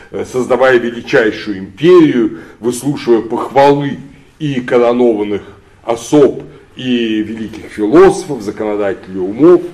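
A man giving an unscripted history lecture, often pausing with drawn-out fillers and pressing on key words with rising emphasis. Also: medium pitch, a little mellow. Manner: hesitant, many drawn-out "uh" fillers, emphatic rises.

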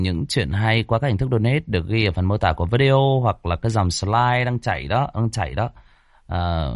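Lively low-voiced male storyteller. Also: dry recording, studio quality. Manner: lively, chatty storytelling with fillers. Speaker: storyteller and channel host. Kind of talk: horror story narration.

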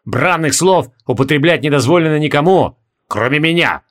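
Audiobook role: man reading blustering male guard captain, gruff, scolding, lively delivery. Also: a little high, normal speed, natural voice.

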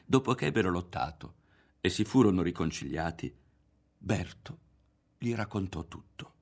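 A man reading a novel aloud as an audiobook narrator, in an expressive, dramatic way. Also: low voice, normal speed. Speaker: audiobook reader.

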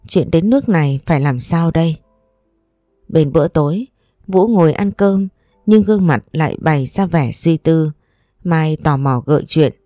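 A woman reading an audio story aloud, narrating and voicing every character in one steady voice. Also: sits low, no room sound, clean studio sound. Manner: reads all parts in one steady voice.

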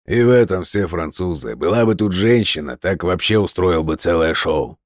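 Man reading as a slow, wry teasing man. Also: low voice, animated, no echo, clean studio sound.

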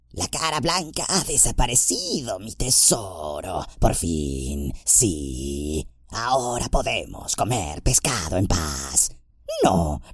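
Gollum: wretched hissing creature. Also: male voice, no echo, studio quality, full character voice. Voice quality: raspy, gravelly, hissing. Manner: muttering to himself, wild swoops of pitch. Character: wretched old male creature, hissing, fawning, vicious. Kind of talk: audiobook character voice.

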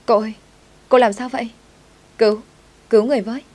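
A timid young servant girl in a spoken storybook, voiced by a woman reader, meek and polite, always deferring to her young master. Her voice sits a little low and turns pleading when she is scared. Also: fairly even intonation, brisk, a little mellow, lightly acted. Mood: alarmed.

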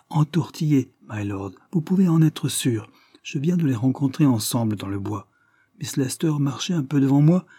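Scheming busybody woman, read by a male narrator, whining and hushed, husky. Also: mid-range voice, no room sound, clean studio sound, natural voice. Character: sly spiteful scheming woman, feigning innocence.

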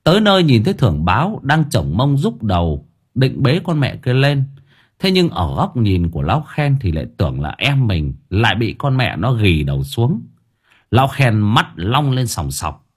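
A man's voice: mid-range voice, moderate pace, husky. A man narrating an audiobook in an earthy, colloquial way. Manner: earthy, lively, slangy.

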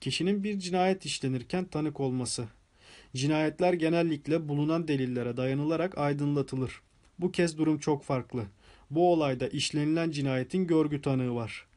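A man voicing an elderly, sharp-witted spinster detective who speaks gently and politely in an audiobook. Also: on the high side, moderate pace, lightly acted. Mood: calm.

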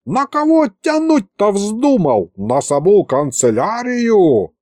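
A man voicing a calm, crafty old grandfather who drawls in folksy speech. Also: sits high, slow pace, no echo, studio quality, pitched above the performer's own voice, heavily acted.

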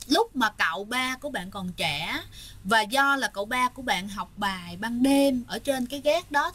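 A woman's voice: fairly high pitch, fairly bright tone. A woman casually telling a ghost story, often turning to address her listeners.

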